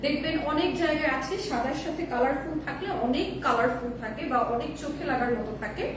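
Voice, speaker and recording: Hoarse woman host, chatty live seller, high voice, recorded from a distance with noise behind. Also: fast, echoey room. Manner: chatty, reads viewer comments, mixes in English. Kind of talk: live-stream saree selling.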